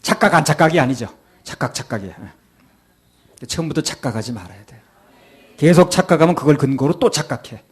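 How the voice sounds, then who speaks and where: A man's voice: on the high side, lively intonation, brisk, slightly rough. A male pastor giving a sermon, acting out people's excuses in quoted voices.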